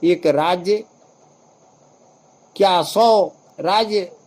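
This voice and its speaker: A man giving a devotional commentary on scripture, explaining it in a slow, measured way and chanting verses in a long, drawn-out style. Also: sits high, darkish tone, poor audio. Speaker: religious scripture expounder.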